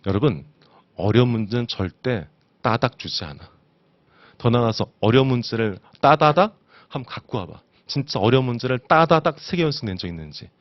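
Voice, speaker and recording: Animated male exam-prep lecturer. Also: medium pitch, fairly quick, no room sound, dull audio. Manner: animated, asks students rhetorical questions. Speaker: instructor.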